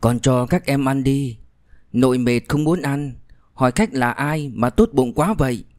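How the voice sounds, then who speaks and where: A man voicing a frail, dying old grandmother who speaks slowly and faintly in an audiobook reading. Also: a little high, lively intonation, darkish tone, no room sound, studio quality, voice pushed up, natural voice. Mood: weak. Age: older. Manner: slow, faint, trembling.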